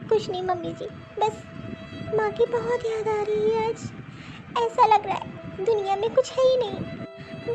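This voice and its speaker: A woman's voice: extremely high pitch, poor audio. A woman voicing a tearful young daughter-in-law. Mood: sad. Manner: tearful, mournful and slow. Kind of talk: cartoon voice acting.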